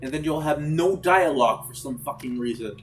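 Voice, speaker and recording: A man chatting casually while playing a game, swearing freely and breaking into loud outbursts. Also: on the high side, moderate pace, slight background noise. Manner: animated, swears freely, bursts into shouts. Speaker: gaming streamer. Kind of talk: casual let's-play chat.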